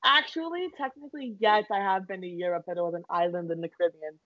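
A woman's voice: mid-range voice, fast talker, dry recording. A young woman co-hosting a podcast, chatting casually, giggly and swearing freely. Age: young adult. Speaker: podcast co-host. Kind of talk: casual chat. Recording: dull lo-fi sound.

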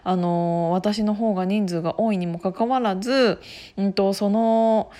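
A woman's voice: medium pitch, measured pace, warm tone. Chatty Japanese-speaking woman with many fillers. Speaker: podcast host. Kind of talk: casual solo talk.

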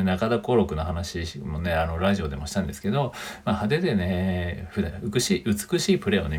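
A man's voice: fairly low pitch, darkish tone, breathy edge. A man from Japan hosting a solo podcast, talking casually through points from his own blog with many fillers and chatty tag particles. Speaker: podcast host.

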